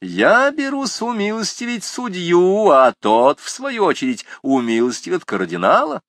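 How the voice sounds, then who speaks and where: Guy doing a lanky young poet, loud drawn-out calls, high and lively. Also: no echo, clean studio sound, full character voice. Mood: urgent. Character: lanky pale young poet, courteous, commanding.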